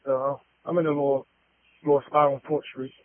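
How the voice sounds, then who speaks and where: A man's voice: mid-range voice, level tone, a little fast, no echo. A police officer, a man, answering in terse radio codes and numbers over a police radio transmission. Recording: tinny narrow radio line, dry.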